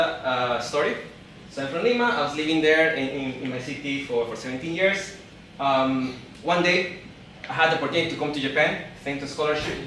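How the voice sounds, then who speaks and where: A Peruvian event speaker in his thirties gives a live stage talk in Spanish-accented English, his slightly high, a bit bright voice ringing around a big echoey event hall. He sounds some way from the distant mic, with slight background noise. He's halting, often stumbling, repeating and restarting words, and laughs along with the crowd.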